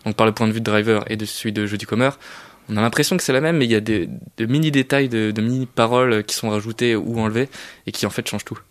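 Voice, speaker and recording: A man's voice: fairly low pitch, quick pace, no room sound. A man discussing films in a casual talk, in a matter-of-fact way. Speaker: film critic.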